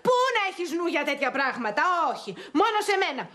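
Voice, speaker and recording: A woman's voice: sits high, sing-song, a bit bright. An actress playing an anxious wife and mother, agitated and complaining.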